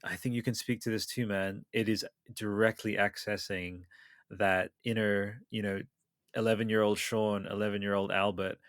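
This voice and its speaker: A man's voice: fairly low pitch, level tone, moderate pace, dry recording, clean studio sound. A man in his thirties hosting a podcast, chatting eagerly and rambling with lots of fillers. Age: 30s. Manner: enthusiastic, rambling with many fillers. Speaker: podcast host. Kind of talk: casual chat.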